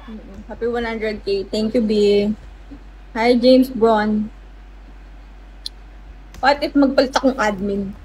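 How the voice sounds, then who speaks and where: A woman's voice: on the high side, slow pace, pauses often, rough recording. A woman hosting a casual livestream, with a playful, teasing manner, greeting viewers by name and chatting with them. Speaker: livestream host. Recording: steady background noise.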